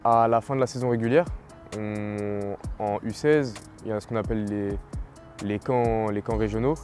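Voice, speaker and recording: Young man from French Guiana, low voice. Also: moderate pace. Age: 20s. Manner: relaxed, talks plainly with fillers. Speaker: young athlete interviewee. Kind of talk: casual interview. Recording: interview with faint music underneath.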